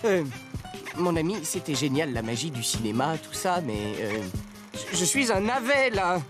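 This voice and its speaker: A man playing an excitable male puppet presenter in a children's educational show, talking in a dramatic, exclamatory way. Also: fairly high pitch, moderate pace, over music. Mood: flustered. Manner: exclamatory, sing-song, dramatic.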